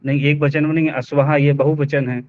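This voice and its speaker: A man student reciting answers in an online class, halting and hesitant, often repeating words. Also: fairly high pitch, level tone. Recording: tinny phone-like call audio.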